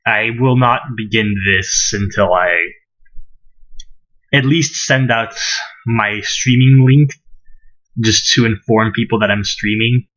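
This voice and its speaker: A man's voice: fairly low pitch, slow pace, a bit bright. A man streaming live, chatting casually and joking at his own expense. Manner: laid-back, self-mocking. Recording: muffled lo-fi mic.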